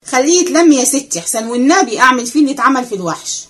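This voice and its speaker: A woman's voice: sits high, lively intonation, rapid-fire, voice pushed up. A woman voicing a lazy, cheeky young maid with an Egyptian accent, answering back teasingly. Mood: sassy. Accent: Egyptian Arabic.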